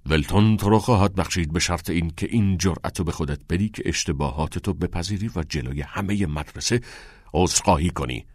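A man's voice: deep voice, a little mellow, no echo, studio quality. A man voicing a cold, stern middle-aged headmaster who gives clipped, threatening commands in an audiobook. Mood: cold threat. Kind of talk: audiobook character voice.

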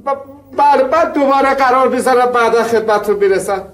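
A man's voice: extremely high pitch, a bit bright, echoey room. Man playing a stammering, coughing fibber. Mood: sheepish. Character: fibbing male engineer faking a cold. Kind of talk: children's story acting.

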